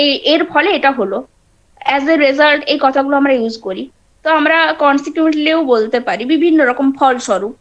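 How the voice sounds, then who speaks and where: A middle-aged woman with a Bengali accent, teaching an online class on a video call in an explanatory manner. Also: high voice. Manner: explanatory, scolding students now and then, fillers and restarts. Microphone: laptop or phone mic on a video call.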